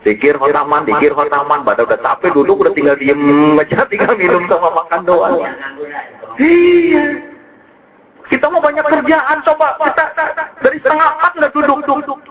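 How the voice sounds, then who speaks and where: A man's voice: normal speed, a crowd in the background, poor audio. A man, preaching a sermon as a kiai and telling stories with acted dialogue. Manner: storytelling with acted dialogue, wide swings in pitch. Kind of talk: religious sermon to congregation.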